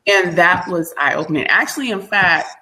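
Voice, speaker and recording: Lower-voiced woman guest sharing travel stories. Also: moderate pace, low-quality recording. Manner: animated, hesitant storytelling with fillers. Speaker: interview guest. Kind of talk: casual interview chat.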